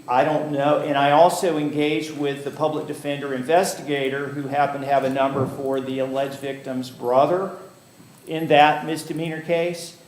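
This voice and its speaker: A man's voice: a little high, roomy sound, a little hiss or hum, low-quality recording. A male defense attorney addressing a judge in a formal way, with many fillers and restarts, heard in a courtroom recording.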